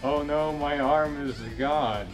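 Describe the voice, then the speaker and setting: A nonchalant, laid-back monster, acted by a man in an amateur comedy sketch. The delivery is slow and sits away from the mic. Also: fairly high pitch. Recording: distant mic, faint music.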